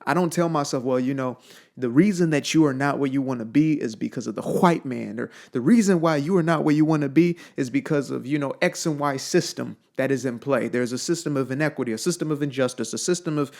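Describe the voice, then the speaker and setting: A man's voice: mid-range voice, brisk, gravelly, a little mellow. A young man from Zimbabwe giving an emphatic, blunt motivational monologue, repeating phrases for weight. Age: young adult. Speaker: motivational speaker.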